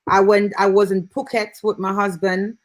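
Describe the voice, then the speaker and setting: A Jamaican woman hosting a casual live interview, telling stories with lively acted-out dialogue. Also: medium pitch, moderate pace. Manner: lively storyteller, acts out voices in her anecdotes.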